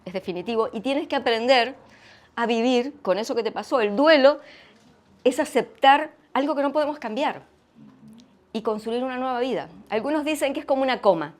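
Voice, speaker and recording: A middle-aged woman with an Argentine accent, sharing a personal testimony at church in an earnest, reflective way, pausing and restarting often. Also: sits high, lively intonation. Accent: Argentine Spanish. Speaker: guest speaker sharing testimony.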